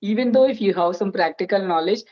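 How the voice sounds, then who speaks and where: Quick-paced and medium-pitched, this twenties host comes through on dull audio while conducting a casual interview chat in earnest. Telugu is their first language, giving their Indian accent its flavor, and they begin lots of phrases with "so".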